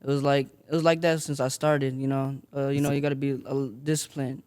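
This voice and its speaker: A man's voice: mid-range voice, little pitch movement, a little fast, a little mellow, clean tone. A young man from Las Vegas, giving modest, filler-laden answers as a boxer in an interview. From Las Vegas, Nevada. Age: young adult. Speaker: boxer guest.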